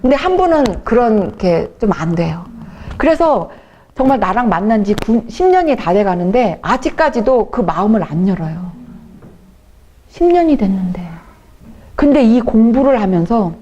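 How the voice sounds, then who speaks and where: Animated woman evangelist telling stories. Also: mid-range voice, normal speed, lo-fi sound, slight background noise. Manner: animated storytelling, acting out quoted people. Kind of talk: testimony talk at a church event.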